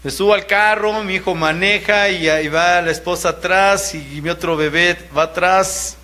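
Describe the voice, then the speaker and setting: A middle-aged man giving an emotional personal testimony, repeating words and breaking into shouts. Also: high voice, fairly even intonation, moderate pace.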